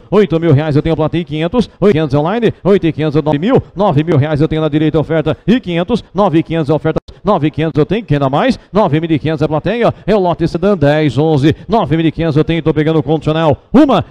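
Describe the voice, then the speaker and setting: A man's voice: on the high side, warm tone. Brazilian man rattling off an auction chant. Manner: repeats figures in rhythmic, insistent runs. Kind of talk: rapid, repetitive auction chant calling bids. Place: car auction with a live and online audience.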